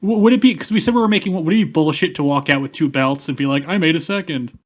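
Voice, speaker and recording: A man with a slightly high voice plays in a tabletop game. He chats loosely, peppering his sentences with "like" as he describes his moves. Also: lively intonation, fast. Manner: chatty, filler-heavy with "like". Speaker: player. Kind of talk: casual tabletop role-play.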